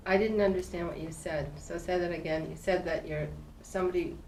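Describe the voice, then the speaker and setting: Quiet woman interviewer asking questions. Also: lowish voice, fairly even intonation, a little fast, a little hiss or hum, rough recording. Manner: quiet, patient, asks for clarification. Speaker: interviewer, filmmaker.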